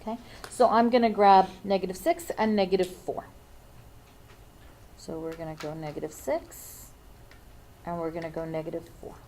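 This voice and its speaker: A woman's voice: on the low side, little pitch movement, normal speed, long pauses, dark tone, slight background noise, low-quality recording. A woman teaching a math lesson, thinking aloud and checking in with frequent "okay?"s.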